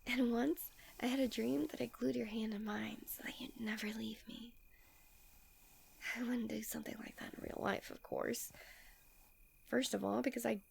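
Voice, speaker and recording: A woman voicing a doting, possessive fox-spirit wife in a soft, breathy ASMR role-play, speaking gently, intimately and soothingly. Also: fairly high pitch, fairly even intonation, moderate pace, a little hiss or hum. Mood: soft, dreamy.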